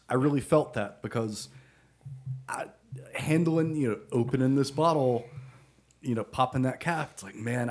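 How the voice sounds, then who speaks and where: A man co-hosting a podcast, talking through a casual review in an earnest, halting way. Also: mid-range voice, a little mellow. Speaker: podcast co-host, beer reviewer. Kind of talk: casual beer review chat.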